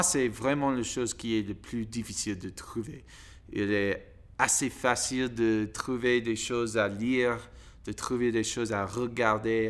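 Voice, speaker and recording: An American man, a native English speaker, talks in halting broken French with a clean, smooth voice on the low side. He goes slowly, searching for words and slipping on grammar in a casual learner's monologue. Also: fairly bright tone. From United States. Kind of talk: casual monologue to camera in a second language.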